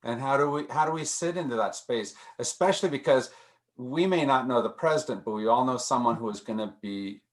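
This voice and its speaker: A man's voice: mid-range voice, brisk. A man leading a casual group discussion, thinking aloud with frequent restarts and repeated words.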